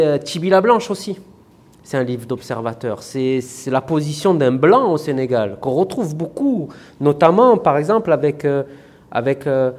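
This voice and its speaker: A man's voice: on the high side, a little mellow. A man with a Marseille accent, an author talking loosely in an interview, with many fillers and restarts. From France. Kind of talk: casual interview talk.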